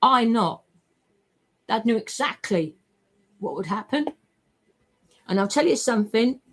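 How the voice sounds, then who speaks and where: Brief: woman, husky, unhurried, emotional and rambling, salty language. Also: fairly high pitch, animated, a bit bright. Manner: emotional, rambling, swears freely. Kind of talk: rambling personal monologue.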